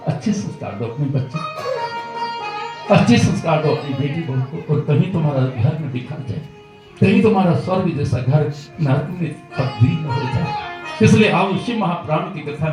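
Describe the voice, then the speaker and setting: A man giving a devotional scripture sermon who exhorts his listeners with a string of rhetorical questions. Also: on the high side. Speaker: katha preacher. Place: religious gathering in Uttarakhand. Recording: distant mic, echoey hall, music behind.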